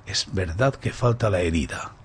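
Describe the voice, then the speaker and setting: A man's voice: deep voice, normal speed, a little hiss or hum, close to an everyday voice. A man playing a taciturn, defiant young traveller accused of theft in a dramatized story. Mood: nervous retort. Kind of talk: dramatized audiobook dialogue.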